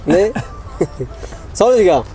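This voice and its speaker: A man's voice: sits high, sing-song, dark tone. A man with a Tajik accent hosting a comic quiz segment, playful and laughing often as he explains the rules. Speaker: host.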